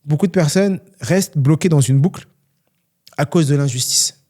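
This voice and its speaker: Speaking at normal speed in a slightly high voice with a dark tone, a young French man runs a solo Q&A podcast as host and trainer. He comes across earnest and motivational, using many fillers.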